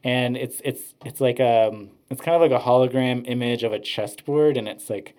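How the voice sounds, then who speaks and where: A man's voice: medium pitch, normal speed, warm tone. A man, a podcast host, rambling through casual chat, with many "like" fillers. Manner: rambling, heavy use of "like" fillers.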